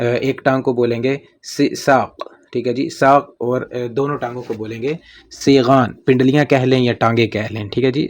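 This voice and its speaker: A man with a Pakistani accent teaching vocabulary in a casual spoken lesson, patiently repeating each word and often pausing with fillers. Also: medium pitch, a little mellow. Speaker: language teacher.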